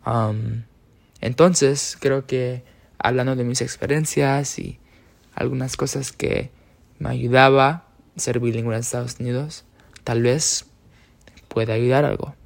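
A man's voice: mid-range voice, steady tone, takes it slowly, creaky. A young man from the United States speaking casually about his own experience, hesitant, with many fillers and self-corrections. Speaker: speaker sharing personal experience. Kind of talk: casual personal talk.

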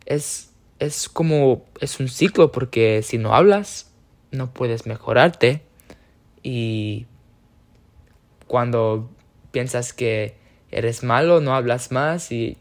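A man's voice: medium pitch, vocal fry. A young man from the United States speaking casually about his own experience, hesitant, with many fillers and self-corrections. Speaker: speaker sharing personal experience. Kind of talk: casual personal talk.

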